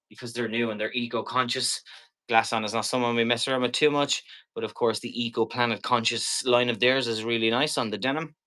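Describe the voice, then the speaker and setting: A man hosts a live online sale in a bright, forceful voice at a middling pitch. He talks casually to viewers as he sells, rambling along chattily and dropping in jokey asides. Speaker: live shopping show seller and host. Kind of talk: casual live-stream sales chat.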